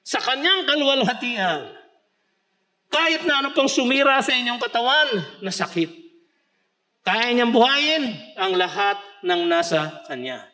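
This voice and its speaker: A man with a Filipino accent preaching a sermon, mixing Tagalog with English scripture quotes and swelling into emphatic shouts. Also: very high-pitched, very animated, a little slow. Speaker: pastor. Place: church.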